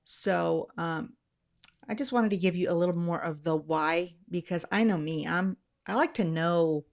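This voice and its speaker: Middle-aged woman, low creaky voice, chatty explainer. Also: measured pace. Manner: rambling, self-correcting, chatty. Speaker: channel host sharing anxiety tips. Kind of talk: casual, conversational explainer to camera.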